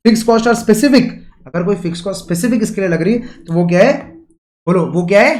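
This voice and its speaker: A man's voice: high-pitched, a little fast, darkish tone, echoey room. A man giving an exam revision lecture, who keeps asking rhetorical questions and uses everyday examples. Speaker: teacher.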